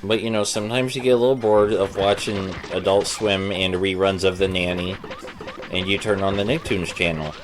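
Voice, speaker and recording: A man giving casual, rambling, somewhat hesitant video game commentary as a Let's Play host. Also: deep voice. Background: video game music.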